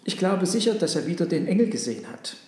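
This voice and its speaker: A man voicing a gentle, trusting young mother who speaks reassuringly in a storybook reading. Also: sits high, sing-song, fast, roomy sound, voice pushed up.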